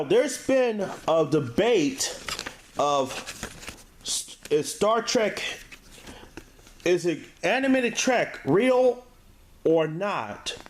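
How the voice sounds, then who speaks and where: In an off-the-cuff, homemade-style video review, a DVD reviewer and show host speaks with a slightly high-pitched voice. His delivery is halting, and he frequently trips over words while reading aloud, restarting them.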